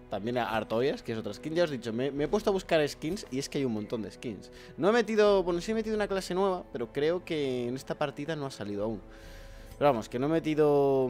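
A young man with a sore, strained throat, rambling casually to viewers over gameplay and swearing freely. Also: mid-range voice. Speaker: gameplay YouTuber. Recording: faint music behind.

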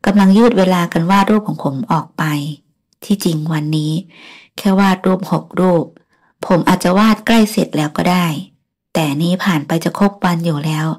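Stern young male painter, firm and clipped, low voice, woman reading it. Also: normal speed, darkish tone, breathy edge.

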